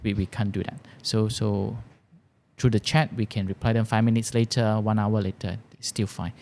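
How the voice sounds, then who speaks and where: A man with a Malaysian accent answering interview questions as a business founder, haltingly, repeating words and using non-standard grammar. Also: on the low side, flat delivery, a little mellow, slight background noise. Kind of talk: interview conversation.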